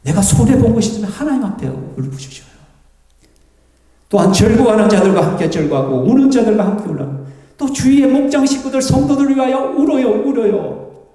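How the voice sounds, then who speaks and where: A man preaching as a pastor, lively and animated, acting out tearful prayers and grumbling complaints to make his point. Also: very high-pitched, brisk. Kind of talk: sermon. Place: church sanctuary. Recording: echoey church hall, voice from far off the mic.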